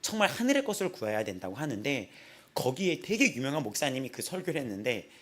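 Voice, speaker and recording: Animated, husky-voiced young male pastor. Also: mid-range voice, fast talker. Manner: animated storytelling, acts out quotes, laughs often. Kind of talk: casual sermon with personal stories. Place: small church.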